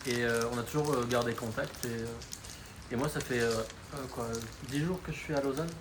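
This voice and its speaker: Guy chatting on a podcast, lots of ums, mid-pitched voice. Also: fairly even intonation, fairly quick. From Marseille, France. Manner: hesitant, many fillers. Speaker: podcast guest. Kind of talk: casual chat. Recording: noisy background.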